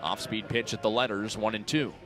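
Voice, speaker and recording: Speaking fairly quickly in a fairly low voice with fairly even intonation, a twenty-something man handles radio play-by-play for a baseball game. It's an outdoor ballpark broadcast, backed by stadium crowd noise and music.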